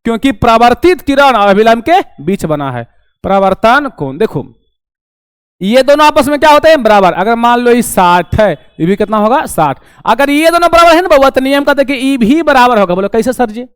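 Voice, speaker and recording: A young man teaching an online class, animated and acting out his students' questions. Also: very high-pitched, moderate pace, clear, resonant tone, no echo, clean studio sound.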